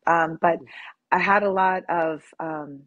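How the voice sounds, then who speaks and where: A woman's voice: fairly low pitch, fairly even intonation, slow pace, no echo, highs cut off. A middle-aged woman, a yoga teacher, talking as an interview guest, chatty and often laughing with many ums. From born in Lebanon, raised near Boston. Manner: warm, laughing, lots of ums. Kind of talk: casual interview.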